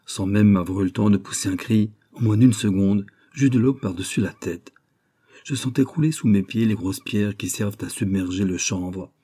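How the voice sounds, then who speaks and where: A male narrator reads a literary tale with measured, expressive delivery. His voice is slightly low and mellow, with a husky grain. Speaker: audiobook narrator. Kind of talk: reading a literary story aloud.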